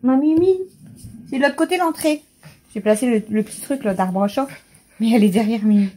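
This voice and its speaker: A woman's voice: fairly high pitch, expressive, fast talker, warm tone, a little hiss or hum. A woman vlogging casually at home, chatting through her shopping and cooing at her pets in a sing-song voice. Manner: chatty, unboxing and listing items aloud. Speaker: family vlogger. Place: at home indoors.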